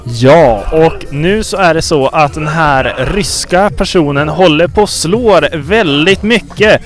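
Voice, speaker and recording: A man's voice: a little high, music in the background. En man som leder och rapporterar skämtsamt, torrt och ironiskt, om ett spel. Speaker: host and mock reporter. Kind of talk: joking mock sports reporting over a game.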